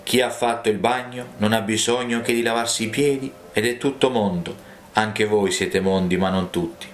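A man reading the words of Jesus as a calm, earnest adult male teacher. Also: on the low side, normal speed, natural voice. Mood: gentle. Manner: solemn, earnest. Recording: roomy, with faint music.

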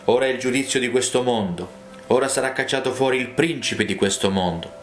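A man reading the words of Jesus as a calm, earnest adult male teacher. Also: medium pitch, a little fast, natural voice. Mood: solemn. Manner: solemn, earnest. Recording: roomy, with faint music.

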